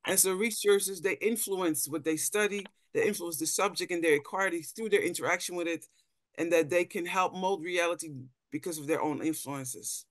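A middle-aged Netherlands-born anthropologist, appearing as a panel speaker, gives a reflective lecture with slides on a video call from inside a room, repeating words often as she gropes for phrasing. Her pitch is fairly low, her speed normal, and the recording dry.

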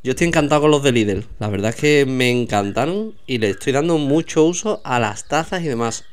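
A man's voice: medium pitch, expressive, fairly quick, clear, resonant tone. A man casually walking through a supermarket aisle, pointing out products to his viewers. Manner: chatty, pointing things out to viewers. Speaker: vlogger showing store products. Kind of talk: casual walkthrough narration.

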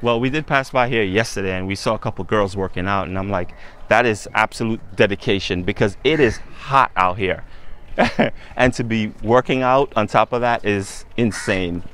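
A man vlogging outdoors as he walks, pointing out sights in a relaxed, conversational way. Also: on the low side, normal speed. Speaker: travel vlogger. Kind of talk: casual walking tour narration. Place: outdoors on a hot island street.

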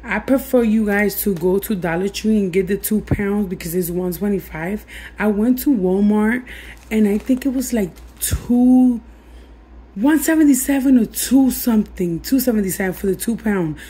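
A woman with a raspy, hoarse voice that is giving out, chatting casually and encouragingly to viewers as a budget cooking vlogger. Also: medium pitch, normal speed, dark tone, poor audio. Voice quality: raspy, husky, breaking voice. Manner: addresses viewers familiarly, encouraging. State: losing her voice, hoarse. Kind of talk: casual chat to viewers over cooking demonstration. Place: home kitchen.

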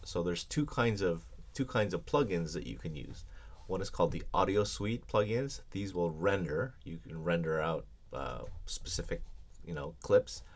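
A man's voice: low-pitched, expressive, moderate pace. A man teaching audio editing in a screencast tutorial, explaining in a casual way with many ums and restarts. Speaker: audio production instructor.

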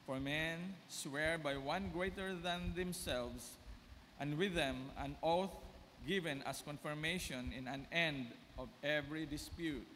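A man serving as lector, reading scripture at Mass in a steady, formal way, his voice heard through a cathedral echo. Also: on the high side, a little slow. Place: large church. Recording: long church reverb with faint room hum.

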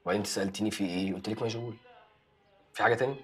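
An actor with an Egyptian accent playing an evasive young man who makes smooth excuses to his girlfriend. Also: on the low side, fairly even intonation, faint music behind, close to an everyday voice. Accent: Egyptian Arabic. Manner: smooth, fast excuse-making. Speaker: actor in a TV drama series. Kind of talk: TV drama acting.

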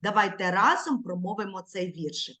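A woman teaching young children in an online lesson over a video call, speaking slowly and clearly and encouraging them. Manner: slow, clear, encouraging teacher talk with lively pitch. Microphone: computer mic on a video call.

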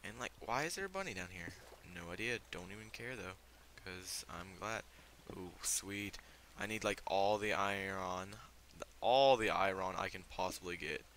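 A man's voice: low voice, moderate pace, a bit bright, slight background noise. A teenage boy with a fever giving casual, rambling commentary on his game, full of fillers and startled reactions. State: sick with fever. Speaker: gamer.

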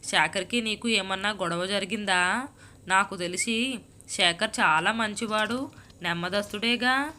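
Baffled, patient woman friend, gently questioning, bright voice, read by a woman storyteller. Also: medium pitch, measured pace, a little hiss or hum. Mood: concerned. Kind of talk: storybook reading.

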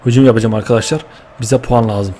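A young man giving lively, excitable commentary while playing a football video game, cheering and scolding his players with slang. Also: medium pitch, fast, a little hiss or hum. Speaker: gaming YouTuber.

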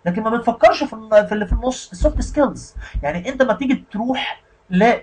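A man's voice: very high-pitched, lively intonation, very fast, slightly rough, poor audio. A man with an Egyptian Arabic accent giving a casual spoken lesson on IT careers, often checking in with the listener. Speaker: IT career instructor.

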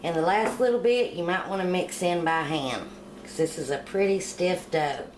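Homey woman demonstrating baking, lowish voice. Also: moderate pace, noisy background. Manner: homey, plain-spoken, step-by-step. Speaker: home cooking channel host. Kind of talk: casual cooking demonstration voice-over. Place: home kitchen.

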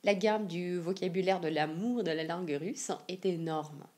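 A woman from Siberia with a Russian accent gives a careful language lesson, saying each example phrase slowly and repeating it clearly. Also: fairly low pitch, darkish tone. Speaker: language teacher.

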